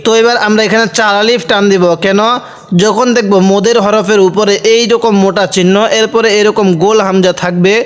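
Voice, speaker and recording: A man teaching Quran reading, spelling out letters and vowel marks and then chanting the words slowly, asking questions and answering them himself. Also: high-pitched, fairly even intonation. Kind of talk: step-by-step recitation lesson.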